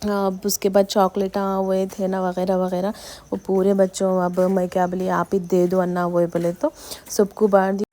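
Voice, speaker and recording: A woman's voice: mid-range voice, normal speed. A woman with a Hyderabadi accent, a preschool teacher casually telling a story in her vlog, with lots of quoted dialogue. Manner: chatty, animated retelling with quoted dialogue. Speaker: anganwadi teacher and vlogger.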